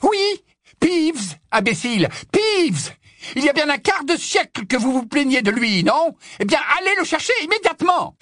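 A commanding older witch professor, stern and clipped, her voice pushed high and loud when she barks orders, as a male narrator puts her on. The tone is husky and dry. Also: sing-song, moderate pace, dry recording. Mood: shouting.

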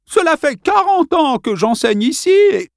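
Un homme qui lit un livre audio et incarne une vieille institutrice autoritaire, sèche et indignée. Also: male voice, very high-pitched, big pitch swings, moderate pace, creaky, no room sound, clean studio sound, pitched above the performer's own voice, full character voice. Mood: outrée. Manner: sec, indigné.

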